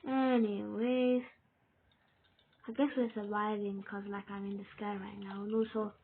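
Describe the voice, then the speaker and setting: A woman's voice: mid-range voice, flat delivery, brisk, husky. A British woman giving casual, rambling commentary as she plays a game, talking to herself as she goes. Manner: rambling, chatty self-talk. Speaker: gamer. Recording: tinny lo-fi with noise.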